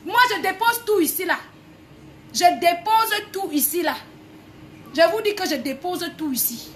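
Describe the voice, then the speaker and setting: A woman's voice: extremely high pitch, animated, measured pace, a bit bright, slight background noise. A woman singer from Cameroon delivering a heated, repetitive, confrontational rant to the camera. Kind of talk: angry video rant.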